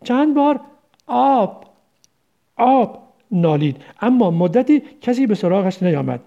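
High-voiced man reading a story. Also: vocal fry, dull audio. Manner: steady reading with occasional slips. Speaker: narrator.

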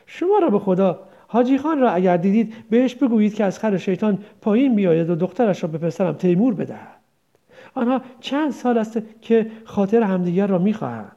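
A woman's voice: medium pitch, lively intonation, warm tone. A woman voicing an old village mother who rambles tenderly and laments her son, on a dull lo-fi recording. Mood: rambling worry. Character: old village mother, grieving, confused, doting.

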